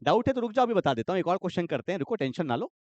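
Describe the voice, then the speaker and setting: A high, lively male voice that swings widely in pitch as he leads a quick chemistry lesson. He keeps asking questions aloud and then answers them himself. The sound is dry and a bit dull, like a lo-fi recording. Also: dry recording. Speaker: chemistry teacher. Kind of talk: energetic board-exam lesson.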